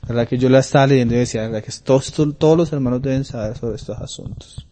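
A man preaching a sermon, talking through Bible passages and reading scripture louder. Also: medium pitch, fast talker. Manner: conversational Bible teaching, rising loud for scripture readings.

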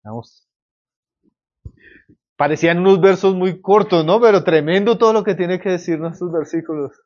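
A man preaching a sermon with passion, swinging between loud emphatic lines and quiet low ones, calling his listeners brothers. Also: normal speed, dull audio. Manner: repeats and addresses listeners as brother.

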